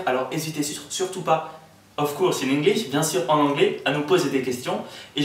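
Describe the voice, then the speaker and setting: A young man with a slightly high voice speaks as a student tutor, casually introducing a lesson series. He keeps encouraging the viewers and talks to them directly. The sound is very echoey, and he stands away from the mic. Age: young adult. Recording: very echoey room, mic far off.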